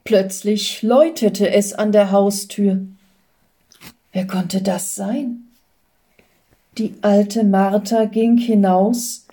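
A woman reading a Christmas story aloud in a calm, gentle way. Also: mid-range voice, takes it slowly, long pauses, slight background noise.

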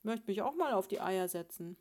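A woman reading a storybook, voicing an indignant, pompous male sparrow husband who blusters loudly at his wife. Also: medium pitch, expressive, moderate pace, close to an everyday voice.

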